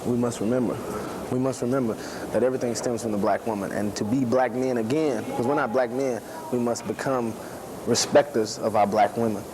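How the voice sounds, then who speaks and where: A man's voice: mid-range voice, fairly even intonation, a little fast, noisy background. A man giving his opinion in a street interview, preachy and emphatic, repeating his points.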